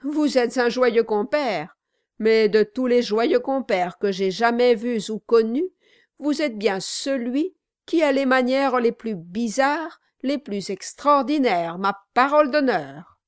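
An easygoing young man, as a woman reads him aloud speaks with hearty, loud exclamations in a raised voice. He sounds amazed and jovial in this storybook reading, close and dry. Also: high-pitched, takes it slowly, dry recording, voice pushed up.

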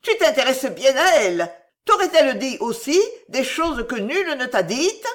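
A woman's voice: a little high, very animated, normal speed. A woman doing a passionate jealous young woman. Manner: emotional, pleading. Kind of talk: audiobook character reading.

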